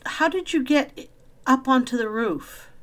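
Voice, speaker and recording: A middle-aged woman with a high, expressive voice speaks at a measured pace over slight background noise. She opens with a casual vlog intro, then hosts a spirit box session, questioning the spirit slowly in a direct, easygoing way.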